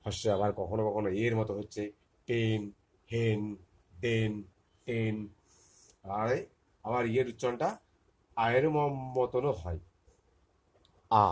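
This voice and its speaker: A man's voice: fairly low pitch, normal speed, pauses often. A man with a Bengali accent teaching a phonics lesson to young children, spelling words letter by letter and repeating them.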